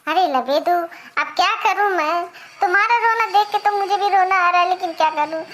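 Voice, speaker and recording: A young village woman from a cartoon comedy, voiced by a performer, speaking with an Awadhi accent. The voice is high and soft as she pleads and coaxes. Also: a little fast. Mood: pleading.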